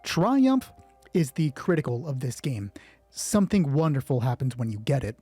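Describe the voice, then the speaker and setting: With music in the background, a man acting as game master for a solo roleplay moves from hushed, terse story narration to informal game commentary, swearing and thinking out loud. He is mid-range with big pitch swings and a normal speed. His tone is dark with a breathy edge and no echo.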